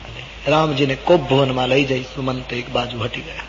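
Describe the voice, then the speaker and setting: A man's voice: mid-range voice, fairly even intonation, normal speed, dull audio, a little hiss or hum. A man telling a devotional epic story as a sermon, dramatic and emphatic, recorded in a large hall on an old 1980 tape. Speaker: Ramayana storyteller.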